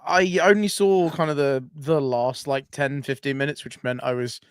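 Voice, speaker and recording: A man's voice: medium pitch, steady tone, moderate pace, clear, resonant tone, no echo, studio quality. A man co-hosting a casual football chat, wry and hesitant, with many ums and likes. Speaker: podcast co-host.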